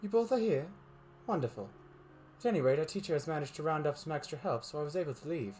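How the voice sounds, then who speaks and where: A man's voice: a little high, animated, fast talker, a little mellow, soft background music, natural voice. A man voicing a prim, polite teenage girl in a fan reading of a visual novel, speaking with formal, courteous phrasing.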